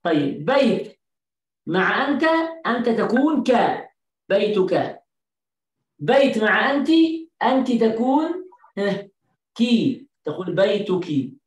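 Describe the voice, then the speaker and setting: A woman teaching an Arabic class, explaining patiently with repetition and stretching out word endings slowly so students can hear them. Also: mid-range voice, sing-song. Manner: slow, drawn-out enunciation of word endings. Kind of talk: language lesson. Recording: echoey room.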